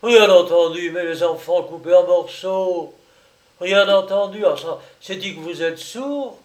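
A man voicing a big, irascible gentleman who blusters and bullies. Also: high-pitched, measured pace, echoey room, distant mic, pitched above the performer's own voice. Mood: furious. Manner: blustering, bullying. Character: big burly irascible gentleman, brutal and triumphant.

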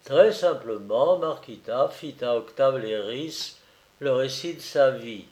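A man reading a novel aloud as narrator in a measured, even manner. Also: mid-range voice. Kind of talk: audiobook narration.

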